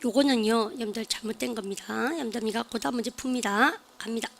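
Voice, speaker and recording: High-voiced woman teacher with a Daegu accent. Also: quick pace, gravelly, slight background noise. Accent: Daegu Korean. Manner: chatty, often asks her students questions. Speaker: English listening teacher. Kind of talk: online lecture.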